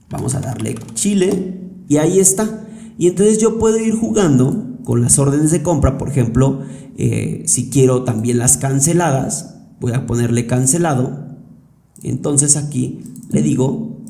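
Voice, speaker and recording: A man's voice: medium pitch, creaky, mellow. A man with a Mexican Spanish accent giving a patient, step-by-step spreadsheet tutorial over a screen recording, often asking rhetorical questions. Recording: roomy echo.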